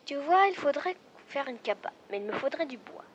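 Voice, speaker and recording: Woman voicing an eager young squirrel, storybook, high excited voice, pleading. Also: moderate pace, dull audio, slight background noise. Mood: scheming.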